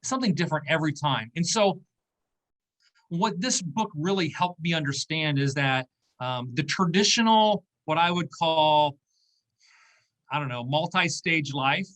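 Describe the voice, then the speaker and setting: A man in his fifties, a business owner appearing as an interview guest, explains things conversationally, checking in with "okay?" and "right?". His voice is fairly high and fairly bright, a little slow, and the audio is poor.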